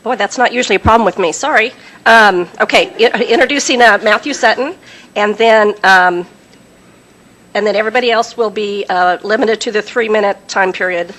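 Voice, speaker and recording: A woman speaks as a county supervisor introducing speakers at a hearing. She is brisk and friendly, with frequent um fillers. Faint background noise sits under her voice. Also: mid-range voice, a bit bright, rough recording. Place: crowded public meeting room.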